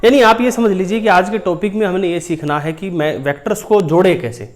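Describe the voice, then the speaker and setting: A man's voice: high voice, brisk, faint music behind. A man teaching a physics lesson, explaining step by step while drawing and calling his students dear children. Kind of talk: whiteboard lesson.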